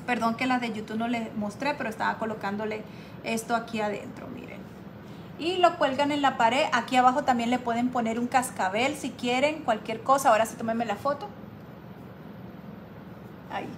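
A woman hosting a casual live craft tutorial, chatting warmly with her viewers and reading their comments aloud. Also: a little high, moderate pace, noisy background. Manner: chatty, affectionate, calls viewers "my girls", reads comments aloud. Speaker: craft livestream host.

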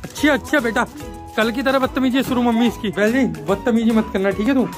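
A man's voice: very high voice, brisk. A man vlogging at home, chatting casually and cooing at his dog in baby talk. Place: family home. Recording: background music under the voice.

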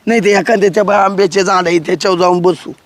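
Brief: a wheedling village lover, fairly high voice, excitable, dry close sound. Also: male voice, fast talker, dry recording. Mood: coaxing. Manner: coaxing, pleading, excitable. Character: young village lover, cautious, coaxing and scheming. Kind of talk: village comedy sketch acting.

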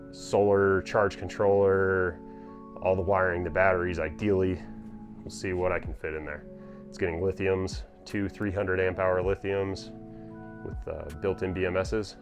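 A man casually walking through his camper van build, explaining plans in a plain, practical way. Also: deep voice. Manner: plain, practical, talks while pointing things out. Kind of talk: casual walkthrough narration. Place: inside a cargo van in a workshop.

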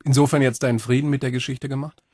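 A man's voice: medium pitch, steady tone, fast, warm tone, slightly rough, no room sound, studio quality. A male interviewer asking engaged, informal follow-up questions in a conversational interview.

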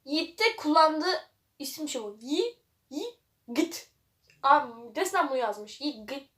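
Reading a web novel aloud for a vlog, a young woman sounds high-pitched, expressive and fairly bright, taking her time. She laughs a lot and stops to make mocking comments.

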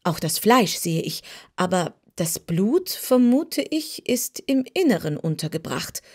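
A woman's voice: lowish voice, big pitch swings, a little slow, darkish tone, slightly rough, heavily acted. Woman doing a polite wooden sawhorse. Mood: curious. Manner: earnest, polite. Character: living wooden sawhorse, modest yet proud.

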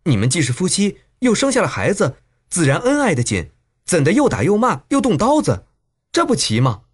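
A man's voice: high voice, huge pitch swings, a little fast, slightly rough, pitched above the performer's own voice, heavily acted. A man voicing an earnest, indignant young swordswoman in an audiobook. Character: upright young woman swordfighter.

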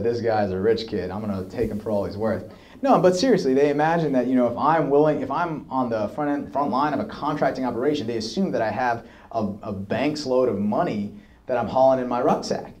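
A young army officer with a warm, medium-pitched voice tells war stories to an audience in a hall while showing slides. His delivery is lively and anecdotal, and he acts out the quoted dialogue.

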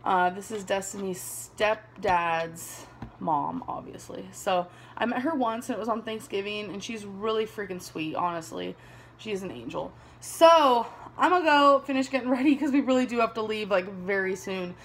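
A woman's voice: mid-range voice, moderate pace, a little hiss or hum. A woman in her twenties chatting casually to a camera on her desk, rambling and laughing often. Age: 20s. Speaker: vlogger. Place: small bedroom indoors. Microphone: camera on a desk below her.

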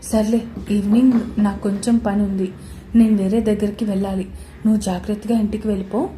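A woman voicing an anxious but determined young woman in a romance story, talking in a hurried way. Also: mid-range voice, little pitch movement, dark tone, slight background noise, close to an everyday voice. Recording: roomy echoey recording.

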